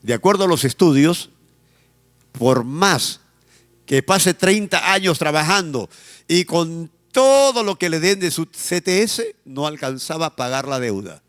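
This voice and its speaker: Emphatic Peruvian pastor preaching in a hall. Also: male voice, fairly high pitch, lively intonation, a bit bright. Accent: Peruvian Spanish. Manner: emphatic preaching, drawn-out phrases, asks the congregation to repeat. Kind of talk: sermon.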